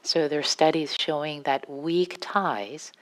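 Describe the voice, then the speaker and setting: This is a low-voiced meditation teacher with a Farsi accent, speaking in a meditation hall. Her dharma talk is unscripted and gentle, halting along with frequent restarts.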